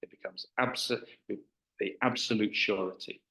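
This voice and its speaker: A man's voice: lowish voice, steady tone, a little slow, vocal fry, sharp tone. A man, a Buddhist teacher, giving a dharma talk in a hesitant manner with frequent fillers and restarts. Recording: echoey hall.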